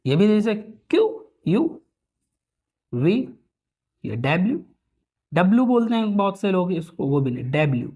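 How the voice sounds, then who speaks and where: A man teaching pronunciation, repeating words slowly and checking that students follow. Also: high-pitched, expressive, warm tone. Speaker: English teacher. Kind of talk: Hindi-English spoken lesson.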